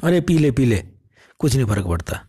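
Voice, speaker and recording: A man's voice: medium pitch, big pitch swings, mellow, breathy edge, no room sound. A man voicing pushy young boys who coax a friend to smoke. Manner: coaxing, brash, quick.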